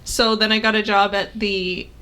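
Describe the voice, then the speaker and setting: A young woman co-hosting a podcast in relaxed, casual chat. She rambles cheerfully through her stories, laughing often and leaning on "like". Her voice sits at a medium pitch. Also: moderate pace, smooth. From Canada. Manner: chatty, laughing, lots of "like". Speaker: podcast co-host.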